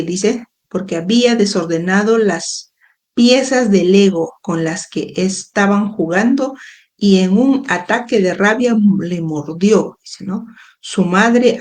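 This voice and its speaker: A woman hosting a live book club, reading a book aloud and pausing for frequent explanatory asides to her listeners. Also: mid-range voice, darkish tone. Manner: reads slowly, adds frequent explanatory asides. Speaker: educator and book club host. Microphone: phone or webcam livestream.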